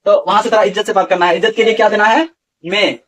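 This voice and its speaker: A man's voice: high-pitched, steady tone, quick pace, fairly bright tone, recorded from a distance. A man teaching a grammar lesson to a class, often asking questions and repeating the answers.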